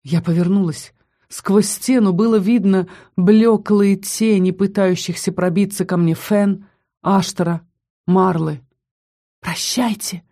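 A woman narrating a fantasy audiobook in an expressive, dramatic reading style that slows for tense lines. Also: medium pitch.

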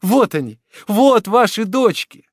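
A man's voice: high-pitched, animated, takes it slowly, dry recording, studio quality, pitched above the performer's own voice, exaggerated voice. A man reading an audiobook voices a young noble lady, earnest and pleading. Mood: impassioned. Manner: pleading, exclamatory.

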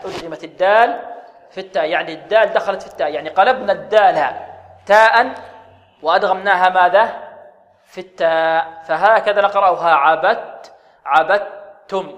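A man's voice: high-pitched, fairly bright tone, in a large hall, muffled recording. A man teaching Quran recitation rules, drawing out words in a chant and asking questions that he answers himself. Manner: models correct and wrong pronunciations, drawn-out chanting. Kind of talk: tajweed lesson.

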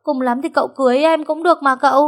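A woman voicing a frantic, dramatic young maid who wails loudly and high. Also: fairly even intonation, very fast, close to an everyday voice. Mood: frantic wailing. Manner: wailing, high and overwrought.

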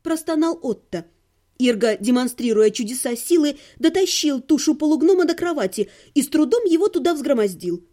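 A woman's voice: high voice, expressive, normal speed, mellow. A woman reading a humorous fantasy audiobook in the first person, with a wry, ironic manner. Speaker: audiobook narrator.

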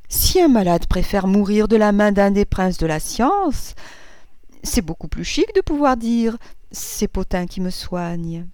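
A woman's voice: medium pitch, animated, unhurried, darkish tone, dry recording, lightly acted. A woman voicing a pompous, awkward middle-aged male doctor, raising her voice to deliver his lines emphatically. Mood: emphatic.

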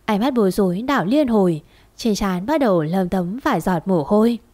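A woman's voice: medium pitch, expressive, a little fast, darkish tone. Woman narrating a romance story steadily.

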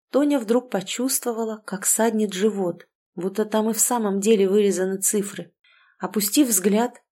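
A woman narrates an audiobook with steady, expressive delivery. Her voice sits at a middle pitch. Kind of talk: scripted narration.

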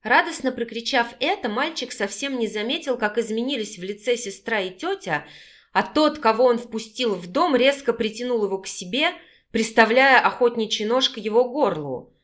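A woman giving steady scripted narration of a romance novel audiobook. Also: on the high side, moderate pace.

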